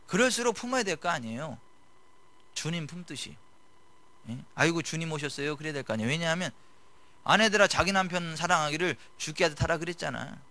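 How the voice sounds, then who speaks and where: Middle-aged pastor guy preaching, talks like chatting, gets loud then goes quiet, bright edgy voice. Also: fairly high pitch, lively intonation, fairly quick, pauses often. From South Korea. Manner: conversational preaching with swings from loud to hushed. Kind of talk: sermon.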